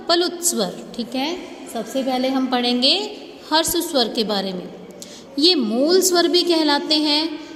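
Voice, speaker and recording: A woman school teacher giving a slow, patient grammar lesson to young students, often checking that they follow. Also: sits high, fairly bright tone, slight background noise. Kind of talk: online class lesson. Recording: echoey room with faint ambience.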